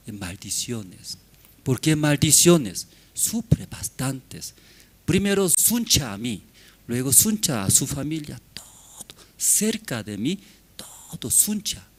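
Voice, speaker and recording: A man pastor preaching a sermon emphatically, in broken grammar with many rhetorical questions. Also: mid-range voice.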